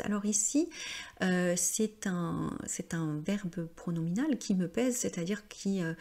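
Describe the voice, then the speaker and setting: A woman giving a patient language lesson, explaining step by step and often pausing with hesitations. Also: mid-range voice, darkish tone. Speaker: French teacher.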